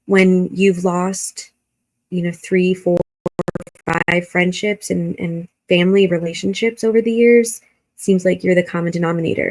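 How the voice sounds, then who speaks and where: A woman's voice: lowish voice, darkish tone. A woman hosting a reaction video, giving blunt, critical commentary and swearing freely.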